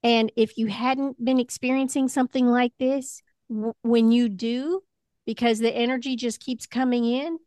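A woman with a slightly high voice talks one-to-one as a spiritual coach. She offers gentle, reassuring guidance in a conversational way. The sound is very dry, with no room around it. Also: fairly even intonation, moderate pace, no echo.

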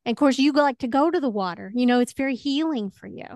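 A spiritual coach with a slightly high voice talks expressively and fast in a one-on-one session. She sounds gentle and reassuring in a conversational way, and the audio is very dry, with no room sound.

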